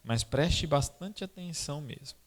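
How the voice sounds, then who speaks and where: Animated Brazilian man telling stories. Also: measured pace. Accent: Brazilian Portuguese. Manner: animated, conversational, pitch swinging widely, frequent tag questions. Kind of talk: informal talk with storytelling.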